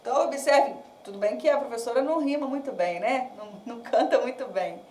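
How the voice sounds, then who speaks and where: A Brazilian woman teacher giving a recorded class, explaining step by step, counting syllables slowly and checking in with her students. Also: on the high side, warm tone, a little hiss or hum. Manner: counts syllables slowly and reads verses aloud. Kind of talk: recorded remote class lesson. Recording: echoey room, distant mic.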